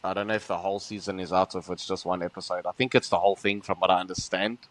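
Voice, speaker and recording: Guy with a really low voice on a podcast, eager, lots of ums. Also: steady tone, racing, low-quality recording. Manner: earnest and enthusiastic, many fillers. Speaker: podcast co-host. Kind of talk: casual podcast chat.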